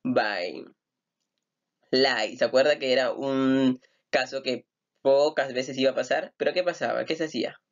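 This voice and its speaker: A man's voice: medium pitch, unhurried, highs cut off. A man teaching an English grammar lesson, patiently repeating words and asking rhetorical questions. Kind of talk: recorded online grammar lesson.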